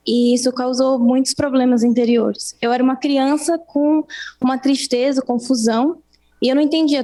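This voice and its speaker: Young woman, high mellow voice, earnest halting testimony. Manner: earnest, halting, with many restarts. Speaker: interviewee giving a testimony. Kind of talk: personal testimony.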